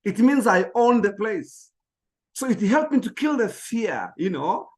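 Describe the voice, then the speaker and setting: A man's voice: high-pitched, sing-song, unhurried. A man who trains people in public speaking, giving an emphatic motivational talk that repeats key phrases and often stumbles over small words.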